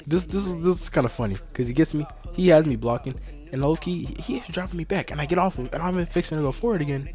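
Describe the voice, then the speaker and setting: A young man giving casual, slangy, excitable commentary on his old game footage. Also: a little high, fast talker, faint music behind. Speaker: vlogger.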